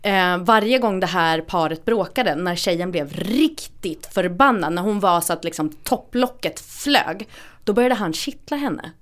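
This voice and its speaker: A woman's voice: fairly low pitch, lively intonation. A woman co-hosting a casual podcast chat, asking wry, teasing questions. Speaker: podcast co-host. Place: office studio.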